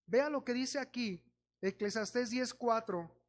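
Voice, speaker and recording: A man's voice: very high voice, measured pace. A man with a Mexican accent preaching a sermon, telling stories and acting out the voices of people in them while exhorting his congregation as brothers.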